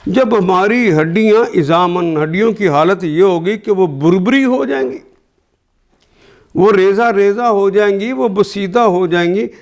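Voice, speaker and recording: A man teaching a word-by-word Quran translation, reciting each verse slowly and then explaining every word in plain, patient teaching. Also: high voice. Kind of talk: word-by-word scripture lesson.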